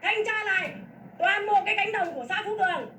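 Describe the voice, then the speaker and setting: Shrill woman scolding fiercely. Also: a little fast, bright, forceful tone, slight background noise. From Vietnam. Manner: fierce, scolding, repetitive tirade. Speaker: farmer protesting land seizure. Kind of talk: angry public complaint. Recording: echoey, from far off the mic.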